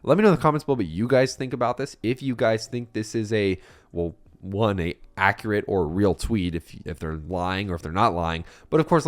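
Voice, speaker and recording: A young man hosting a casual crypto video, chatty and rambling, with a voice that is a bit rough today. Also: lowish voice. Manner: chatty and rambling, many fillers and restarts. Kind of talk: casual market commentary.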